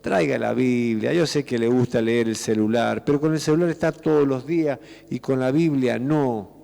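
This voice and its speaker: A man's voice: medium pitch, normal speed, creaky, warm tone, in a large hall. A male pastor with a Rioplatense Spanish accent preaching a sermon in a church, asking the congregation rhetorical questions. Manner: voseo, rhetorical questions, acts out church members. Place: church sanctuary.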